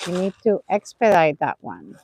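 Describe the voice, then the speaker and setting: A woman's voice: fairly low pitch, big pitch swings, moderate pace, vocal fry, a little mellow, a little hiss or hum. A woman from Puerto Rico co-hosting a casual livestream and reading out viewer comments in a friendly way. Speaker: co-host.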